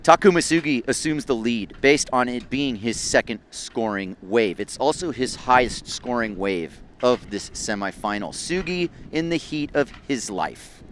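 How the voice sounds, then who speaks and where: A man's voice: medium pitch, animated, unhurried, few pauses, a bit bright, slight background noise. A man giving live surf competition commentary in a laid-back, conversational surfer-announcer way.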